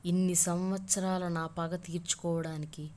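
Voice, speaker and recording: A woman reading a romantic suspense story aloud in a measured, even way. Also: fairly low pitch.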